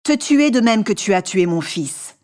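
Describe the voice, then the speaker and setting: A woman's voice: medium pitch, animated, a little slow, darkish tone, lightly acted. A woman voicing a merciless ancient genie. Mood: stern. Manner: stern, relentless.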